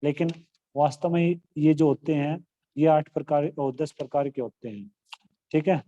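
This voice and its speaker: A man's voice: on the high side, fairly even intonation, normal speed, mellow, highs cut off. A man teaching a Hindi grammar lesson online, explaining terms and acting out example exclamations with feeling.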